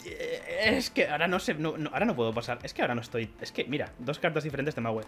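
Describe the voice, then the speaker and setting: A man's voice: fairly high pitch, quick pace, vocal fry, faint music behind. A young man from Spain with a Spanish accent, rambling chattily while opening trading card packs for his channel. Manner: chatty, rambling, bursts into excited shouting and laughter. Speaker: card collecting youtuber. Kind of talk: pack opening vlog.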